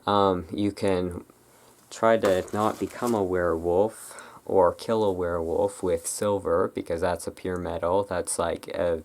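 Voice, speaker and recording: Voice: low voice, steady tone, unhurried, a little mellow. An ASMR creator chatting casually and off the cuff, rambling and hesitant, often trailing off. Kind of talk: casual improvised ASMR chat.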